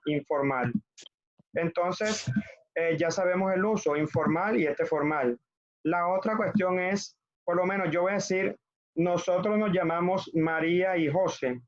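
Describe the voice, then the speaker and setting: A man's voice: fairly high pitch, highs cut off. A man with a Colombian Spanish accent teaching a French class over video, patiently drilling conjugations for students to repeat.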